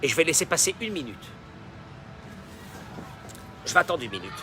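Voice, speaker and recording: A man preaching a sermon as a rabbi, dropping in Hebrew phrases and swinging from quiet talk to shouting. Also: fairly high pitch, very animated, normal speed, a little hiss or hum. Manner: mixes Hebrew phrases into his speech.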